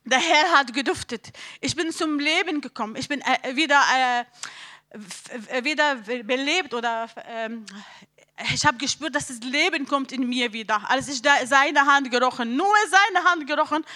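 Woman telling her testimony, high voice, halting broken german, goes quiet then loud and pleading. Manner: halting, non-native German with frequent restarts. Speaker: testimony speaker. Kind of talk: emotional personal testimony.

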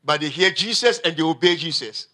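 A man preaching a sermon in short phrases for an interpreter, acting out voices and sometimes shouting for effect. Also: fairly high pitch, a little fast. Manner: animated, acts out voices, shouts for effect, laughs.

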